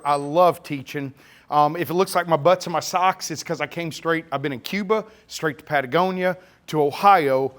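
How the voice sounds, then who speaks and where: Addressing a crowded camera store event room, a middle-aged nature photographer gives a live keynote in a slurred drawl mixing Texas and Oklahoma. His voice sits a touch high and a bit bright. He keeps it loose and chatty, joking, ribbing the audience and dropping sarcastic remarks between points.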